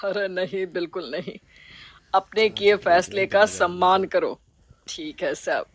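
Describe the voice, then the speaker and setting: A woman voicing a calm, kindly middle-aged husband in a storybook, soothing and reassuring. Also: mid-range voice, unhurried, natural voice. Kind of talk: storybook voice acting.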